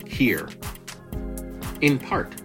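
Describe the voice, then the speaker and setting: A man hosting an interview who gives a measured introduction and then asks quick, curious questions. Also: mid-range voice, sing-song, creaky, music in the background. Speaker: host.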